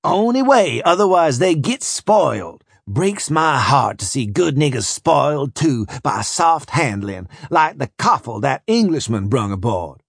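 Man doing a loud brash overseer. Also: medium pitch, very animated, unhurried, hardly any pauses, dry recording, studio quality, heavily acted. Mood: gossiping. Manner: brash, hollering, rough dialect.

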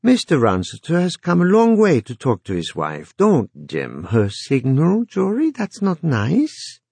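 A man's voice: fairly high pitch, huge pitch swings, unhurried, vocal fry, a little mellow, breathy edge, no echo, pitched above the performer's own voice, exaggerated voice. Man doing a stilted, formal mortuary owner. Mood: formal, placating. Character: stilted male mortuary owner, smooth, bureaucratic.

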